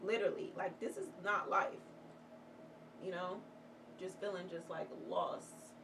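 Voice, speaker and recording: A woman vlogger with a lowish voice and fairly even intonation speaks a little slowly as she does her makeup. Her get-ready-with-me chat is rambling, candid and sincere, a motivational talk peppered with profanity. Background noise is clear on the distant mic.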